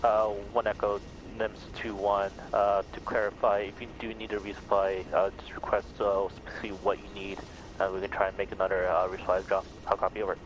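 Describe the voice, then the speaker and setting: A man talking as a pilot on military sim radio, pausing often as he phrases his messages. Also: on the low side, completely flat delivery, muffled recording. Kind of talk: radio talk in a military simulation game. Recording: noisy game radio chat.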